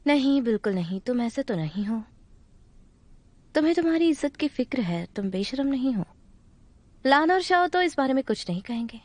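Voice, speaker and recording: A woman's voice: a little high, dry recording. A woman dubbing a caring young woman who coaxes and teases a proud friend, in a drama. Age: young adult. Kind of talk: Hindi dub of a drama.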